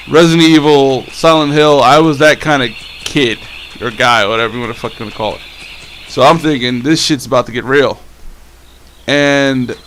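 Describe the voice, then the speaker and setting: A man's voice: medium pitch, fairly bright tone. A young man casually telling a story on his vlog, rambling and swearing, with many restarts. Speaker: vlogger.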